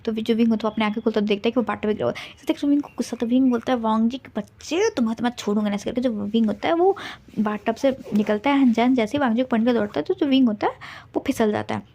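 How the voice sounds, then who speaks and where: A woman's voice: a little high, very fast, mellow. A woman casually retelling a fan fiction story in a chatty way, with many restarts.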